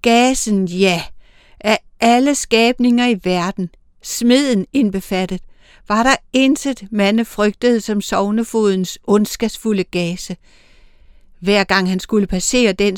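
Smooth-voiced woman reading a story. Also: medium pitch, no room sound, clean studio sound. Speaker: narrator.

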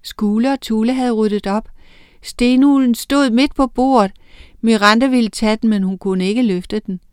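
A woman reading a children's story aloud in a steady, expressive way. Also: a little high, clean tone, dry recording, clean studio sound. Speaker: narrator.

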